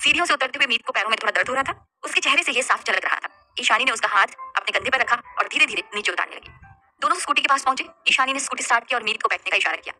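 Lively woman reading a love story, fast and bright, faint music behind. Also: a little high. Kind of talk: scripted romance story narration.

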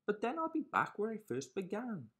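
A woman voicing a fussy, frantic little old lady who exclaims in a high, breathy voice. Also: huge pitch swings, normal speed, a bit bright, heavily acted. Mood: frantic pleading.

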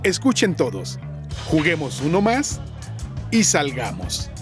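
A man's voice: fairly high pitch, wildly swooping pitch, takes it slowly, music in the background, heavily acted. A man dubbing a stingy, cheerful husband in his fifties on a reality show, upbeat and pleased with himself. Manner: cheerful, self-satisfied, upbeat. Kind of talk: Latin American Spanish reality-show dub.

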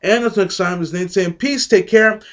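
A man's voice: sits high, fairly quick, fairly bright tone. A young man giving casual news commentary to the camera, partly reading aloud, recorded at home on a webcam mic. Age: young adult. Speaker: video blogger commenting on news. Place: small room at home. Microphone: webcam mic at arm's length.

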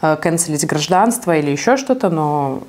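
Speaking as an activist in an interview, this woman from Belarus talks in a conversational way, pausing a bit as she works through her thoughts. Her voice is low, expressive, and darkish.

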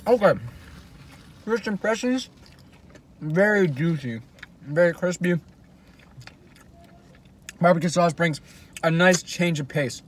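A man's voice: high voice, slow, long pauses, a little hiss or hum. A young man giving a playful, mock-serious food review with his mouth full of food, chewing and savoring audibly. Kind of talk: casual joking food review.

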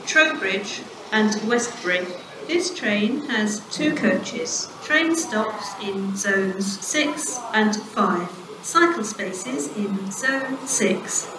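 A woman's prerecorded announcement voice, with spliced-together words in measured, evenly clipped phrasing, heard over station loudspeakers on a railway platform. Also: medium pitch, reverberant, noisy background. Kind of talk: automated public address announcements. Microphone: heard through station loudspeakers. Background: station ambience.

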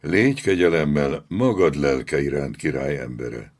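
A man voicing a proud, defiant old shaman in an audiobook, with a deep, ringing voice and a solemn, hard manner. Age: older.

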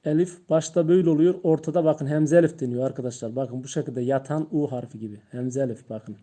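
A man's voice: medium pitch, fairly even intonation. A man teaching Quran reading in a live-streamed lesson, patiently drilling letter sounds aloud and talking to viewers as friends. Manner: patient, repeats letters loudly and slowly, addresses viewers as friends.

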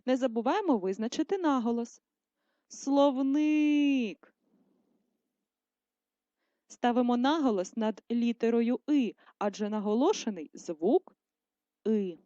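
A woman teacher giving a video lesson to first graders, speaking slowly and carefully and drawing out words to stress them. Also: on the high side, animated, mellow, dry recording. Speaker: primary school teacher. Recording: dull lo-fi sound.

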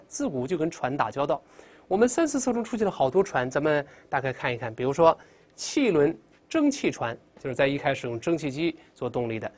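A man's voice: a little high, darkish tone. A male English teacher giving a vocabulary lesson, calling out drill words and coaching pronunciation.

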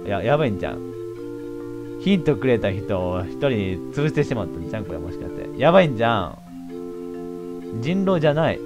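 A man with a commenting on a game as he plays, reacting loudly and thinking aloud. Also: mid-range voice, very animated, a little fast, pauses often, lo-fi sound. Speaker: game streamer. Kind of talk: let's play commentary. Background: game organ music.

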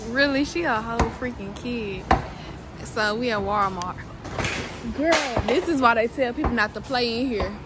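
A woman's voice: a little high, moderate pace. A young American woman giving teasing, slangy commentary while filming a casual vlog inside a big store. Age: young adult. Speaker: vlogger. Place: large store, indoors, walking. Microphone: handheld camera. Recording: very noisy store ambience.

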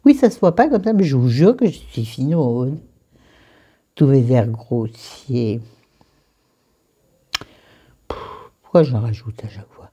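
Lively low-voiced woman vlogging. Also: takes it slowly, long pauses, husky. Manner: chatty, rambling, self-mocking, with crude asides. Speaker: beauty vlogger. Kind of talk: casual skincare vlog. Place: bedroom at home.

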